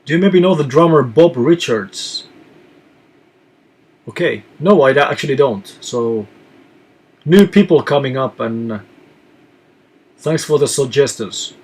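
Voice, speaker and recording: A man from Finland who reads out viewer questions and answers them in a relaxed live chat as a touring musician. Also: mid-range voice, a little slow, pauses often, breathy edge.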